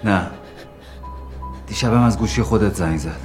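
An actor playing a controlling young man who speaks calmly and soothingly, with a needling edge. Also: lowish voice, over music, close to an everyday voice.

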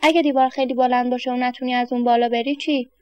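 A woman's voice: sits high, level tone, mellow, no room sound, highs cut off, natural voice. A woman voicing a kindly grown man with a walking stick who questions a boy and then encourages him.

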